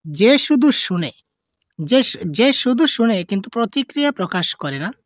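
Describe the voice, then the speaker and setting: A very animated woman with a fairly high voice reads multiple-choice questions aloud for an online exam-prep class. She draws the options out slowly before snapping out the answers herself, and English terms crop up throughout. The recording is studio quality with no echo.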